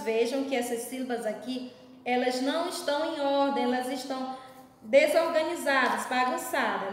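A woman with a high voice guides young children through a reading exercise. She speaks slowly and patiently and draws out each syllable. Her voice rings around a very echoey room with a long reverb tail. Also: a bit bright. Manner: slow, patient, sing-song teacher talk, stressing syllables. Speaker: primary school teacher. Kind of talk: video lesson for young children.

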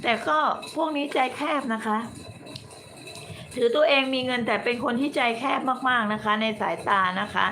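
A woman's voice: fairly high pitch, normal speed, a bit bright, a little hiss or hum. A woman from southern Thailand with a mix of Southern and Bangkok Thai accents, chatting on a late-night livestream with fans in a blunt, coarse-tongued way. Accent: Southern Thai mixed with Bangkok Thai. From Nakhon Si Thammarat, southern Thailand. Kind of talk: casual late-night live chat. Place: indoors in a room.

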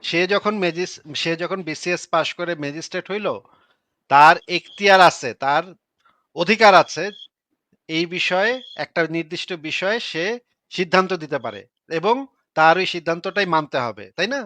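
A scornful man hosts a heated live debate, cutting his opponent down with insults. His voice is bright and forceful, and it sits high. The sound is dry and close. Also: animated, normal speed, no echo. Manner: combative, scornful, hurls insults. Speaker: debate host.

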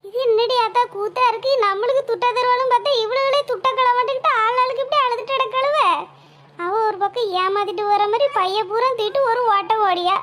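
A woman's voice: extremely high pitch, brisk, fairly bright tone. A woman voicing a nosy, scheming young village woman, prying and gossipy. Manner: prying, gossipy, mock-soothing.

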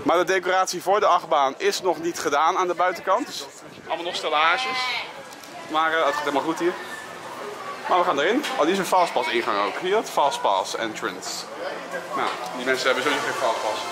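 A man's voice: on the high side, lively intonation, brisk, background noise. A man vlogging casually and giving informal, opinionated commentary while walking around outdoors.

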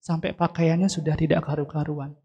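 A man's voice: fairly high pitch, level tone, brisk, warm tone, slightly rough. A man, a Buddhist monk, telling a story in a sermon and turning to ask his listeners questions. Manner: storytelling, asks the congregation questions directly. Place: temple hall. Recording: dull lo-fi sound.

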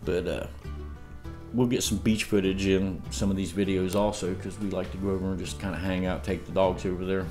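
Over music, a man speaks fairly quickly in a voice that sits low and barely shifts in pitch. The homesteading vlogger, in his fifties, is at his dining table indoors with a camera facing him from across it. His casual chat is a string of rambling stories, broken by laughs and restarts.

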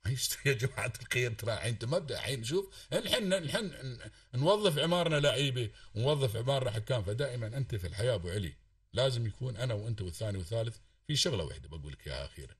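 Medium-pitched and expressive, this man with an Emirati Arabic accent rushes through a passionate call-in lecture, repeatedly swearing oaths to press his case. He's recorded from a distance in a dry room without echo.

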